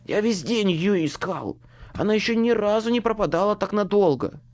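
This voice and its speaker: A man's voice: a little high, a little fast, lightly acted. A man voicing a curt, blunt man who hisses and mutters, in an audiobook. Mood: hissing.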